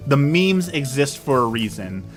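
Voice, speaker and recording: A young man streaming and chatting casually with his viewers, animated and self-mocking as he tells stories. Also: mid-range voice, unhurried, faint music behind. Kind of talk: casual chat with live chat.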